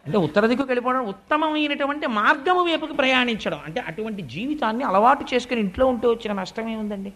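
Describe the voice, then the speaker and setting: A man's voice: extremely high pitch, expressive, fast, few pauses, a bit bright. A man giving a devotional sermon on scripture. He tells stories in a conversational way, adds polite asides to his listeners, and acts out the quoted words of family members and sages. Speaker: spiritual discourse speaker.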